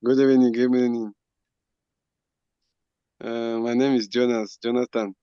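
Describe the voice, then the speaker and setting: A man's voice: medium pitch, little pitch movement, normal speed, warm tone, smooth, no room sound. A man whose first language is French, hesitantly introducing himself in an online meeting. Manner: hesitant, searching for words. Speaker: meeting attendee. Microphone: video call. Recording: dull dry online call audio.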